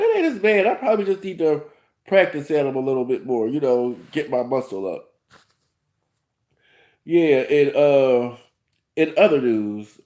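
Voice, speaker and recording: A warm, mid-range male voice belongs to a host in his thirties who has a cold. He rambles through a casual reality-TV review vlog, restarting sentences and leaning constantly on "you know."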